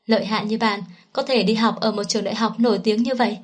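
A woman's voice: on the high side, fairly even intonation, fast talker, close to an everyday voice. A woman reading as a meek, timid young girl. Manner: soft and hesitant. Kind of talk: audiobook reading.

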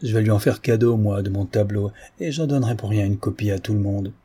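A man's voice: fairly low pitch, fairly even intonation, a little fast, warm tone, husky. A man voicing a guilt-ridden painter who speaks with bitter, anguished self-reproach. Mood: overjoyed. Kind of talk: audiobook character reading.

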